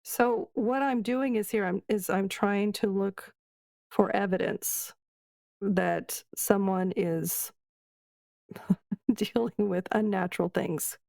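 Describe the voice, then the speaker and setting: A woman's voice: mid-range voice, steady tone, slow pace, creaky, darkish tone, dry recording. A woman playing a tabletop game for the first time, curious and full of questions. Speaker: new player.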